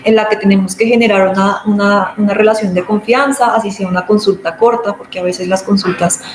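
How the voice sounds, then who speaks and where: A woman's voice: medium pitch, fairly even intonation, a little fast. A woman gives an informal lecture on communicating with patients. She explains in an easy manner and acts out everyday examples. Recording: roomy echo, faint background ambience.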